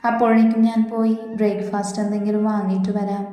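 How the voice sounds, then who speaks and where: A caring young husband, gentle and worried, in a mellow, even voice, as a woman narrator reads him. Long reverb and faint music hang behind the voice. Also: mid-range voice, fast talker, natural voice.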